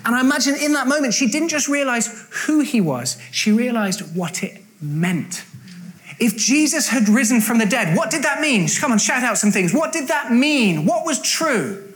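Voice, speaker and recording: A woman leading a children's talk. She tells the story in a lively, playful way and asks the children questions. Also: fairly high pitch, normal speed.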